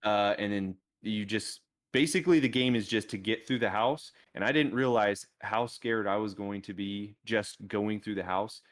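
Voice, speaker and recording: A man co-hosting a gaming podcast, telling a story in lively casual chat and laughing easily. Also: fairly low pitch, moderate pace, few pauses. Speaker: podcast co-host.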